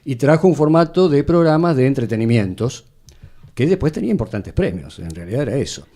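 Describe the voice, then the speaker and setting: Speaking in a mid-range, mellow, sing-song voice at a brisk pace, a middle-aged or older radio actor and announcer appears as an interview guest. He has a Buenos Aires area Argentine accent and relates anecdotes conversationally, thinking aloud as he goes.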